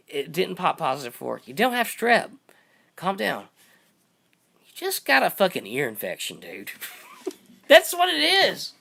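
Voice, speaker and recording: Hoarse, gravelly-voiced man rambling on a live stream. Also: a little high, fairly bright tone. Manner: profane, rambling storytelling. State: hoarse, voice going out. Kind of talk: casual live-stream chat.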